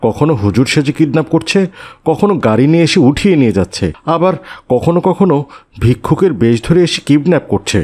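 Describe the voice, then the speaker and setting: A man's voice: a little high, quick pace. A man voicing a caring, earnest father and neighbor in a cartoon. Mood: concerned. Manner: earnest, calming. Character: caring middle-aged father and neighbor, calm.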